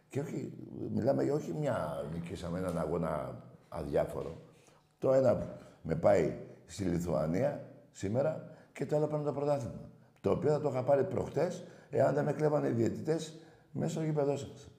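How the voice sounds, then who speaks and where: A combative male radio host rants about his team, his gravelly voice jumping between grumbling and loud shouting. He swears freely. The studio around him sounds roomy and echoey. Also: medium pitch. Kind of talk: fan sports talk radio rant.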